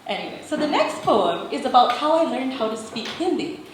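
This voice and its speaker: A woman poet from England giving a live poetry reading, expressive in the poems and relaxed and chatty between them. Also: high voice, normal speed. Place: live poetry event in an echoey room. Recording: very echoey room, faint background noise.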